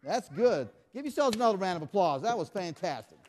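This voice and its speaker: A man's voice: high voice, very animated, a little fast, darkish tone. A man performing a children's magic show, playfully acting surprised and quizzing the kids in call-and-response. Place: church hall with a live audience. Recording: echoey hall.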